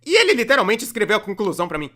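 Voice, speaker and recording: A Brazilian performer dubs a young cartoonist narrating an animated comedy video in a fan dub of scripted comedic storytime. The mid-range voice races along, wry and animated, conversational, self-deprecating and complaining.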